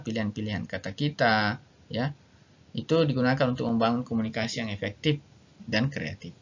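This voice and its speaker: A man lecturing on stylistics, explaining slowly with many fillers and repetitions, reading English examples aloud and then explaining them. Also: medium pitch, a bit bright. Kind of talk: recorded online lecture. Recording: slightly dull lo-fi audio.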